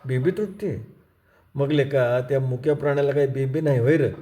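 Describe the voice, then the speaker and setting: A man voicing a domineering village strongman with a whip, who shouts threats in rough rustic speech. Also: mid-range voice, moderate pace, natural voice. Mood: harsh, commanding.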